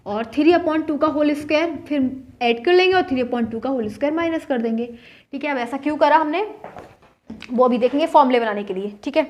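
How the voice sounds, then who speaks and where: A young woman teaching a maths lesson, explaining slowly, repeating each step and checking in with her students. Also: high-pitched, darkish tone.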